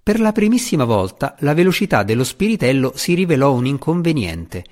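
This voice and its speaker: Expressive man narrating a fantasy audiobook. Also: on the high side, brisk. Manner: expressive, dramatic storytelling.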